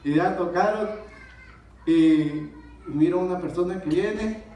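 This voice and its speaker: Animated Mexican man telling his testimony. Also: high-pitched, measured pace. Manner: animated storyteller, acts out dialogue. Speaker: church member giving testimony. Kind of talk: personal testimony in church. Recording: echoey church hall, distant mic.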